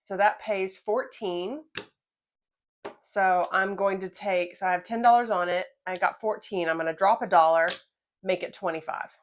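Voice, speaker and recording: Her medium-pitched voice comes at a normal speed through dull audio with slight background noise. She runs a craps channel, casually calling each roll and explaining the betting strategy she's testing. Her voice is slightly off because of a cold.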